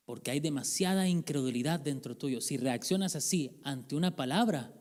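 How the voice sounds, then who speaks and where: A man preaches to his congregation in a loose, conversational way, throwing questions and jokes at them. His voice sits a little high for a man. The long reverb of a church hall hangs behind every phrase. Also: moderate pace, a little mellow. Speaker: pastor. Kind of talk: sermon. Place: church sanctuary.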